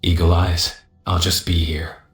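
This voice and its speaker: A man voicing a scheming, mocking mercenary companion in a fantasy game, sardonic and condescending, with drawn-out taunts. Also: low voice, level tone, fairly bright tone, echoey room.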